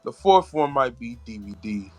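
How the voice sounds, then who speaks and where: A man's voice: medium pitch, big pitch swings, moderate pace, a little mellow, soft background music. A man being interviewed about his writing, earnest and often searching for words. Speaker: guest, author and poet. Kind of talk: casual interview chat.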